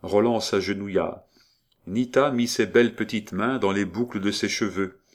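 A man with a fairly low voice narrates a literary novel. His reading is measured and declamatory, like a classic audiobook.

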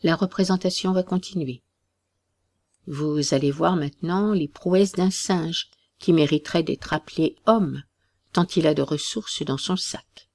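A storyteller voicing a smooth-talking male circus troupe director who delivers a brazen showman's announcement in a storybook reading. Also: medium pitch, unhurried, a little mellow.

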